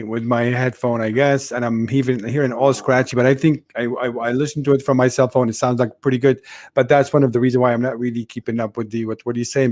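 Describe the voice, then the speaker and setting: A man's voice: medium pitch, darkish tone. A man hosting a live chat, who answers with short acknowledgments and reads out viewer questions. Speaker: host.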